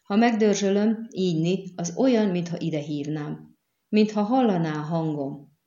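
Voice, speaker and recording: Woman voicing a calm, hurt young man, low voice, echoey dull recording. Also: lightly acted. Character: wounded young man, cool and teasing.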